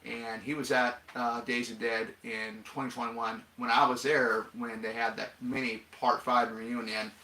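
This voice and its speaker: A man's voice: medium pitch, flat delivery, measured pace, few pauses, sharp tone. A man commenting on a film in casual, rambling chat, full of fillers and restarts. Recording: echoey room.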